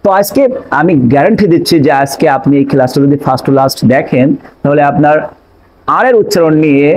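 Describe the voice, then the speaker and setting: Guy teaching english sounds, kinda high voice, goes up and down a lot, repeats stuff slow. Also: darkish tone, poor audio. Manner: explains step by step, repeats examples slowly. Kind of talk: online lesson.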